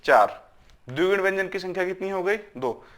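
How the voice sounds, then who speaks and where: A male teacher with a voice pitched a little above the usual for a man. He runs a classroom grammar lesson, answering his own questions and sounding out syllable after syllable. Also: lively intonation, moderate pace, a bit bright. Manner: asks questions and answers them himself, drills syllables aloud; repeats checks like "is it not?".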